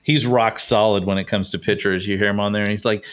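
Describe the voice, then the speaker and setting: A man's voice: fairly low pitch, fairly even intonation, fast, a bit bright, smooth. A man co-hosting a sports podcast in casual chat, laughing often and trailing off mid-sentence. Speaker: podcast co-host.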